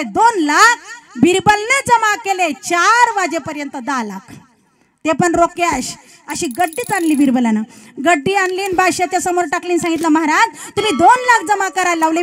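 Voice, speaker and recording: Very high-voiced woman preaching a sermon. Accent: Marathi. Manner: animated storytelling, addressing the audience directly, repeating phrases for emphasis. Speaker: kirtan preacher. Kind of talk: devotional sermon with storytelling.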